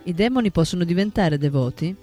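A man's voice: high-pitched, animated, quick pace, music in the background. A man reading the lines of a young male disciple who raises doubtful questions.

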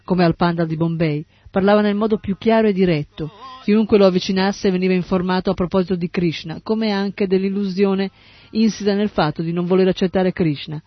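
High-voiced male audiobook narrator. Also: fairly even intonation, fairly quick, no room sound. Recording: dull lo-fi recording with faint music.

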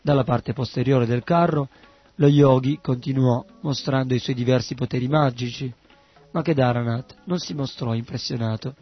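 A man giving scripted narration of a story in an even, steady way. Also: medium pitch, moderate pace, slightly rough, highs cut off, faint music behind.

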